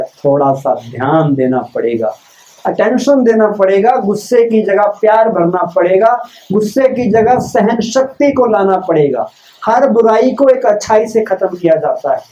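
A man's voice: high-pitched, mellow. A man giving a spiritual lecture as keynote speaker at a camp. He poses rhetorical questions to the audience and repeats key lines for emphasis. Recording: dull lo-fi recording.

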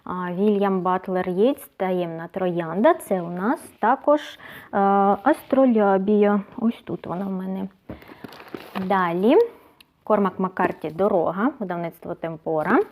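A woman's voice: mid-range voice, measured pace, a little mellow, a little hiss or hum. A woman book blogger in a casual vlog, chatting and thinking aloud as she sorts books. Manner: chatty, thinks aloud, often says "so" between items.

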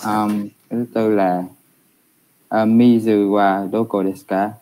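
A young man student answering over a computer mic in an online class. His voice is low and mellow, and he speaks slowly and hesitantly with many pauses. The delivery stays flat. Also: a little hiss or hum, poor audio. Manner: hesitant, halting with fillers. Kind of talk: reading answers aloud in class.

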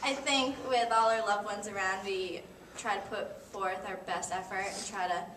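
Young female college player, bright voice, agreeable answers, echoey room. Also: medium pitch, fairly even intonation, moderate pace, slight background noise. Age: early 20s. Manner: agreeable, hedging. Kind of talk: postgame press conference. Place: press conference room. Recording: echoey room, distant mic.

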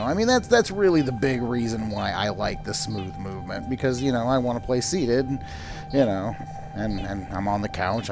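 A man's voice: medium pitch, a little mellow. A man hosting a VR gaming channel with casual, playful, effusive, chatty commentary.

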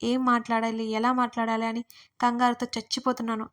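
A woman's voice: on the high side, monotone, fairly quick, fairly bright tone, lightly acted. A woman voicing an anxious young woman who speaks in a fretful, whiny way. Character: anxious young woman before an arranged meeting.

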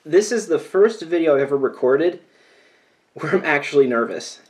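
A man's voice: on the high side, animated, moderate pace. A man doing a spicy chip challenge on his vlog, nervous and sighing as he reads the warnings aloud with wry asides. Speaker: YouTuber doing a food challenge. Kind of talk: casual vlog commentary.

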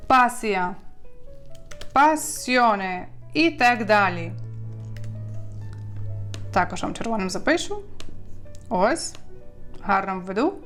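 A woman teaching an online language lesson, drilling words slowly and asking her learners questions. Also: mid-range voice, sing-song, a bit bright, soft background music.

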